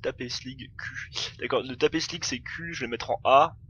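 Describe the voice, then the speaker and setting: A man's voice: medium pitch, moderate pace, fairly bright tone, a little hiss or hum. A man giving casual let's play commentary, chatty and thinking aloud, laughing often. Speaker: gameplay commentator.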